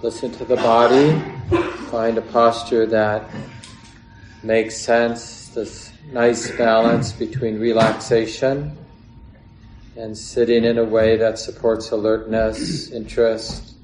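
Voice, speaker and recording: A meditation teacher leads an unscripted guided meditation, speaking calmly and deliberately with long pauses between phrases. His low, very level voice carries a clear echo, as if in a meditation hall or large room, with faint background noise underneath.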